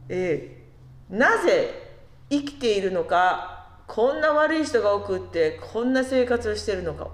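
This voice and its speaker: A woman giving a conversational sermon who asks the congregation questions and slows down on key words. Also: a little high, roomy sound. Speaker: preacher.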